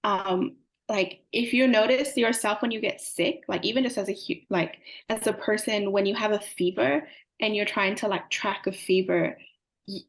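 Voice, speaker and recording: A woman's voice: medium pitch, fairly even intonation, normal speed. Earnest young woman. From Samoa. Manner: earnest, fluent, frequent "like" and "um" fillers. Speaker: climate advocate guest. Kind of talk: interview answers.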